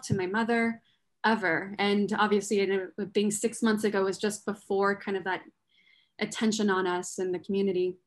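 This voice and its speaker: A woman on a panel discussion, telling a personal story in an earnest, reflective way with many fillers and restarts. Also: mid-range voice. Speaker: panel guest. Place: New York.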